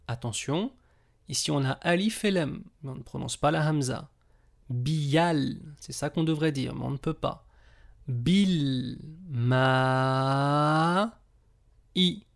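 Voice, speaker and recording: Teacher going super slow, one syllable at a time, mid pitch. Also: creaky, darkish tone. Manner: sounds out syllables one at a time, then explains spelling. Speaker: Arabic reading teacher. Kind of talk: slow syllable-by-syllable reading lesson.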